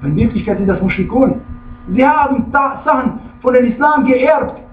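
A man's voice: very high-pitched, lively intonation, moderate pace, a little hiss or hum. A man giving a religious lecture as a preacher, speaking emphatically and checking in with his listeners with frequent questions. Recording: tinny, echoey room, far from the mic.

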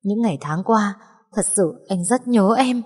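A woman's voice: mid-range voice, expressive, unhurried, husky, pitched above the performer's own voice. A woman playing a young husband, anguished and tearful, long reverb. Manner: anguished shouting and tearful apology. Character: grieving enraged young husband.

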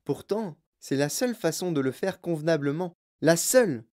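A woman voicing an excitable, eccentric man who proudly shows off his chocolate factory in an audiobook reading. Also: low-pitched, moderate pace. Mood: enthusiastic. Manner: exclamatory and boastful, showing off.

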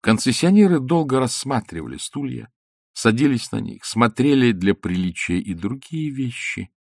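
A man reading a novel aloud as narrator, in an expressive, theatrical way. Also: mid-range voice, normal speed, dry recording, clean studio sound. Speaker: audiobook narrator. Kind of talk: literary audiobook narration.

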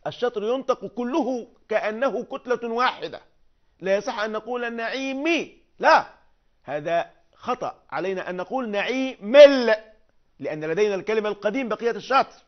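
An older man teaching classical Arabic prosody in a lecture, chanting syllables and verse in drawn-out sung tones and declaiming lines of poetry. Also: sits high. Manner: declaims poetry with rising force. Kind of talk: recorded lecture on Arabic meter. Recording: dull lo-fi audio recording.

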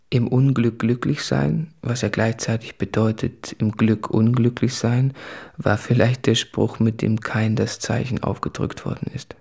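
An actor in a literary radio play, drawn from letters and diaries, portrays an anguished, guilt-ridden male writer confessing to his fiancée. His husky, mid-range voice has a darkish tone, and the monologue is intense, introspective and articulate, with a brooding mood.

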